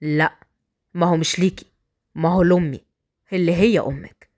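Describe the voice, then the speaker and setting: A woman's voice: fairly low pitch, steady tone, a little fast, a little mellow, pitched below the performer's own voice, close to an everyday voice. Woman doing a cocky young man. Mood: taunting. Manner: provoking, teasing. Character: arrogant young man, the mayor's son.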